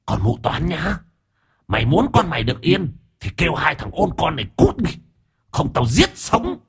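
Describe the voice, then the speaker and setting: Cruel female fox ghost, high and sneering, as a male narrator puts her on, for a storybook. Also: huge pitch swings, moderate pace, husky, heavily acted. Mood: menacing. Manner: menacing, threatening. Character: cunning vicious female fox spirit.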